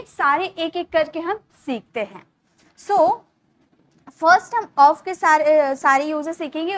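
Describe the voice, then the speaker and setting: A woman giving an online English grammar lesson, patiently explaining and checking in often with her class. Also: sits high. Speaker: English teacher.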